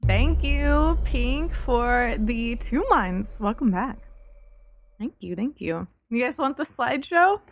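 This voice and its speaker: A woman livestreamer chatting casually with her viewers, relaxed and informal, swearing now and then. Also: on the high side, slow. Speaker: livestreamer and VTuber.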